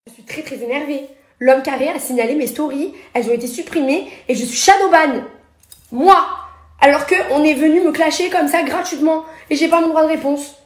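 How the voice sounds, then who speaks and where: Holding her phone at arm's length, a high-voiced young woman who is a reality TV personality and influencer vents in a social media story rant. She is indignant and sarcastic, firing off rapid jabs, while the room rings with a noticeable echo like a bare apartment.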